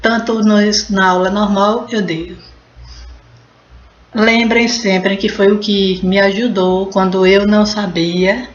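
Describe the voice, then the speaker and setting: A woman's voice: mid-range voice, little pitch movement, slow. A Brazilian woman teaching Portuguese in a casual video lesson, talking in a chatty way and stopping to explain and fix words as she goes. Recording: roomy, dull and slightly noisy.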